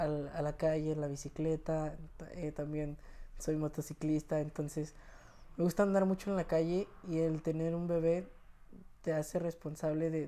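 A man's voice: a little high, dark tone. A man in his twenties with a Mexican Spanish accent, a podcast guest telling personal stories in a casual, often laughing way. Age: 20s. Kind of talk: casual interview storytelling.

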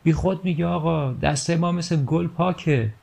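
A man's voice: on the high side, creaky, darkish tone, pitched above the performer's own voice. A man reading a storybook aloud, voicing squabbling young village schoolboys who whine and complain. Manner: whiny, complaining.

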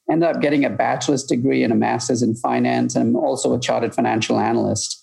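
A middle-aged man with a deeply gravelly, husky voice answers interview questions. He is measured and reflective and leans on "you know." He was born in Malaysia and grew up in the UK. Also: darkish tone, poor audio. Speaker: guest, future-of-work consultant.

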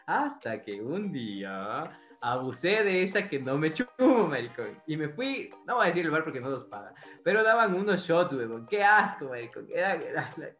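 A man's voice: fairly high pitch, sing-song, moderate pace, pushed and bright, reverberant, faint music behind. A man with an Ecuadorian accent, hosting a podcast, telling a story in casual chat with a lot of swearing and mouth sound effects. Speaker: podcast host.

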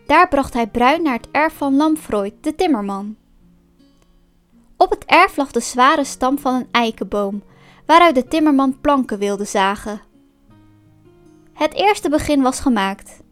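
A woman reads a storybook aloud in a calm, even narration. Her voice sits high and clear. Soft music plays faintly behind her. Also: unhurried, pauses often.

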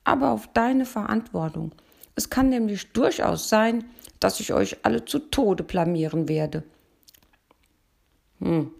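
Storybook donkey, plaintive and stubborn, raised gravelly voice, as a woman reads it. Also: fairly high pitch, darkish tone, pitched above the performer's own voice, full character voice. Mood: resigned. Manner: whiny, hesitant. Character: simple, stubborn male donkey, unsure and plaintive.

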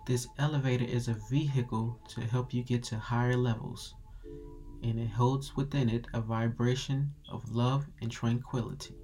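A man narrating a guided meditation in a calm, soothing, measured meditative tone. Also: mid-range voice. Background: music.

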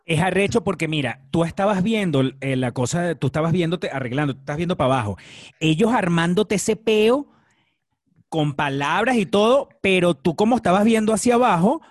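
A man's voice: sits high, animated, brisk, dry recording, clean studio sound. A young man with a Venezuelan accent, co-hosting a casual chat with joking, teasing banter. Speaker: co-host.

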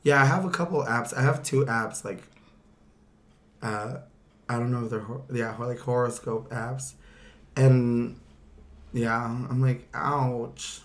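A man's voice: mid-range voice, unhurried, long pauses. Playful, laughing podcast host man. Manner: playful, laughs often, trails off and restarts. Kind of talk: casual podcast chat.

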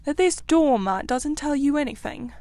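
A woman voicing a kindly but excitable, easily exasperated male rat in a storybook, brisk, eager and bossy. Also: fairly high pitch, vocal fry, no room sound. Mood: excited.

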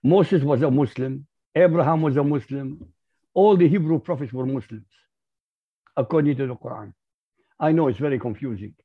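A man with an Arabic accent, his first language Arabic, speaking as a podcast guest. He talks in an emphatic, lecturing way with a husky voice. The audio is muffled and lo-fi. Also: mid-range voice, moderate pace, long pauses. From Iraq. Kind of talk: interview.

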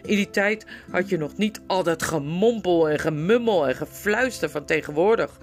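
A woman's voice: fairly low pitch, moderate pace, soft background music, lightly acted. A woman voicing an old, hard-of-hearing, irritable male dwarf who mishears everything. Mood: grumbling. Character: old deaf cranky male dwarf regent.

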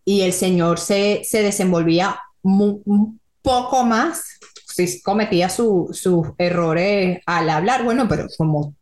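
A woman's voice: medium pitch, measured pace, darkish tone, echoey room. A woman co-hosting a podcast, chatting casually and telling anecdotes. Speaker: podcast co-host. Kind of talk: casual chat.

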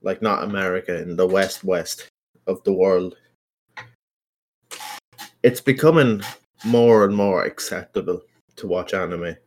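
Young man, Irish accent, lowish voice, podcast host, casual solo chat, rambling and sweary. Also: measured pace, long pauses, a little mellow, a little hiss or hum. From Ireland. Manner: informal, sweary, self-conscious rambling.

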